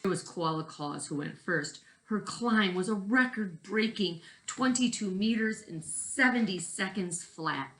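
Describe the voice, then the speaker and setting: A woman's voice: medium pitch, animated, unhurried, few pauses, a bit bright, a little hiss or hum, poor audio. A woman teacher reading a picture book aloud expressively, stressing key words and putting questions to young listeners. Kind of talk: storybook read-aloud with questions to children.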